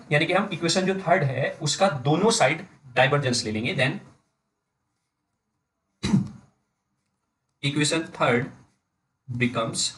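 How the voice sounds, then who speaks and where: A man with an Indian accent giving an engineering lecture, dictating slowly word by word and often checking in with his students. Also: on the high side, a bit bright, rough recording. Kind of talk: blackboard-style lecture in mixed Hindi and English.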